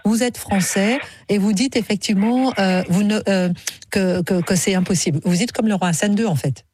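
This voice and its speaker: Brisk radio talk show host. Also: mid-range voice, background noise. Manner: brisk, interjecting, repeats "effectivement".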